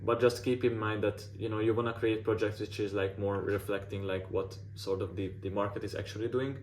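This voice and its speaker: A design mentor, a man whose first language isn't English, gives casual portfolio feedback in a low, monotone voice at a slightly fast clip. His advice is full of "like" fillers and restarts, with faint noise on the line.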